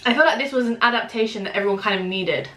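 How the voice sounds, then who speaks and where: A woman's voice: fairly high pitch, racing, a bit bright, slight background noise. A British woman in her twenties chatting casually and emphatically in slang to camera in a mukbang vlog. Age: 20s. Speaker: vlogger chatting while eating. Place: small room at home, indoors. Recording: echoey room.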